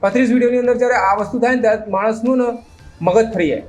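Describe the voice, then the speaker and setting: High-voiced sarcastic man ranting. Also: racing, darkish tone, faint music behind. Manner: mixes English phrases into his talk. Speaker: meme reaction host. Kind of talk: casual reaction commentary.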